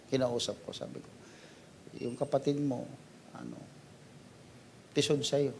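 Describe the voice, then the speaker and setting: Filipino pastor preaching with rising emphasis. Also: male voice, lively intonation, measured pace, gravelly, a little hiss or hum. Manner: switches between Tagalog and English, playful and teasing; rises loud and high for emphasis, drops to quiet asides. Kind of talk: sermon.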